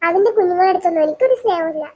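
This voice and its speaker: A woman's voice: very high voice, very fast, dark tone, pitched below the performer's own voice. A woman voicing a scornful, money-minded rich woman in a cartoon. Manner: haughty, scornful, threatening. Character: arrogant rich woman who cares only about money. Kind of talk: cartoon voice acting.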